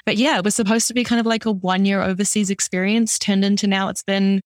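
A woman's voice: mid-range voice, level tone, quick pace, dry recording. An upbeat young woman with a New Zealand accent talks freely as a podcast guest, peppering her speech with easy fillers. Her voice sits in a middle register. The recording is dry and close. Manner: upbeat, chatty, lots of "like" fillers. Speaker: guest product designer. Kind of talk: conversational interview.

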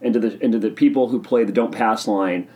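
A man hosting a casual solo podcast, talking in an excitable, rambling, opinionated way while sipping a drink. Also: fairly low pitch, fairly quick. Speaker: podcast host.

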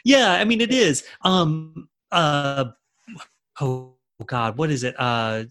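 A man's voice: on the high side, slow pace, fairly bright tone. A man talking as an author and screenwriter in a casual interview, rambling with lots of fillers and restarts.

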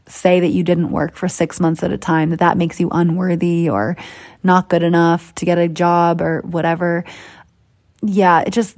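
A woman's voice: mid-range voice, darkish tone. A woman from Boston hosting a podcast as a coach, talking in a chatty, upbeat and persuasive way. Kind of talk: motivational podcast monologue.

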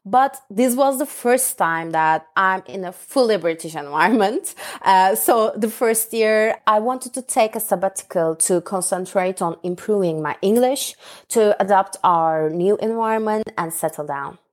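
A woman's voice: mid-range voice, a little slow. A woman in her thirties from Turkey, a Turkish native speaker, answering interview questions in English with a hesitant, filler-heavy manner. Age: 30s. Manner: hesitant, frequent "uh", laughs easily. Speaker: interview guest, English student. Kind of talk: casual interview chat.

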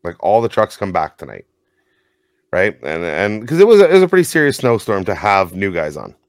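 A man in his thirties with a low voice talks fairly quickly while co-hosting a casual podcast, animatedly telling stories and laughing often. He also works as a tow operator. The recording is dry and studio quality.

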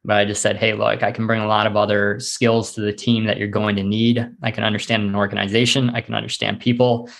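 A man speaking as a real estate investor guest in a casual interview, explaining in a measured, matter-of-fact way. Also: lowish voice, flat delivery, creaky, fairly bright tone.

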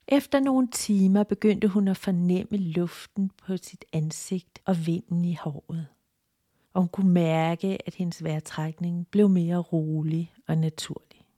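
A woman narrating a guided story in a soft, calm, partly whispered voice. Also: on the low side, no room sound, studio quality.

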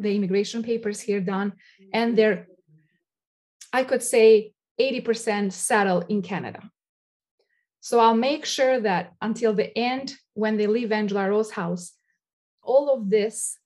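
A woman's voice: medium pitch, darkish tone. A woman with an Albanian accent and non-native English phrasing, speaking earnestly in an interview as a shelter coordinator.

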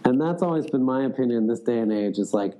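In a casual interview, a sales executive guest talks fast in an expressive, medium-pitched, warm voice, peppering his loose speech with "like" and restarts. The recording is low quality, with a bit of hiss or hum.

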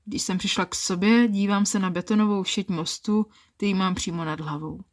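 Female podcast narrator, first-person erotic story, calm and intimate. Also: medium pitch.

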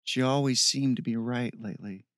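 A man's voice: medium pitch, moderate pace, a bit bright, no echo. Man reading a story, dry sound. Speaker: narrator. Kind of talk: audiobook narration.

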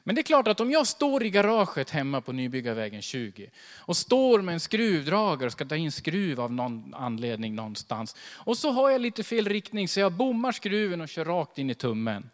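A man preaching a sermon as pastor, animated, quoting scripture and acting out small everyday scenes. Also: a little high. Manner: animated, acts out little scenes and quotes scripture. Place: church hall. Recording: long church hall reverb.

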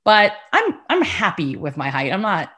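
A woman's voice: on the low side, huge pitch swings, normal speed, bright, forceful tone, breathy edge. Giggly, chatty woman podcast co-host. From United States. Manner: giggly, chatty, frequent laughter. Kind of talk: casual chat.

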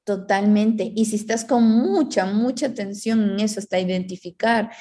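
A woman's voice: mid-range voice, moderate pace, warm tone. A woman in casual reflective conversation, explaining ideas through everyday analogies and acting out inner voices.

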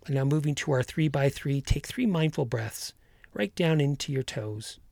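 A man guiding a calm grounding exercise as a coach, giving short, gentle instructions with pauses. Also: mid-range voice, gravelly, dry recording, studio quality. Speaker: podcast host and coach.

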